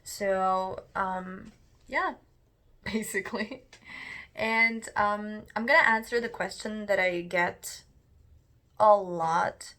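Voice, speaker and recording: A woman's voice: medium pitch, steady tone, takes it slowly, pauses often, bright, forceful tone. A talkative young woman in her twenties from Kazakhstan with a Kazakh accent, English not her first language, chatting casually to camera with lots of fillers and restarts. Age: 20s. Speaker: YouTuber, English learner.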